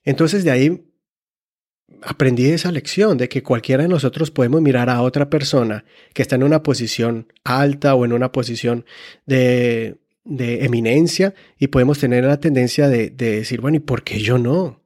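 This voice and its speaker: A male preacher delivering a sermon in an ordinary middle-pitched voice. He speaks earnestly and retells scenes by voicing the people in them. He often breaks off and restarts a word mid-sentence. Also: normal speed, a little mellow. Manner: earnest, often acts out quoted dialogue; frequent restarts and self-corrections. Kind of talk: sermon with personal storytelling.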